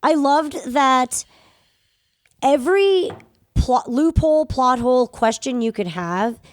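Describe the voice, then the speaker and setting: A woman in her twenties co-hosting a podcast, chatting casually, excitable and swearing freely. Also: high-pitched, takes it slowly, no echo. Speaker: podcast co-host. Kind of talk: casual chat.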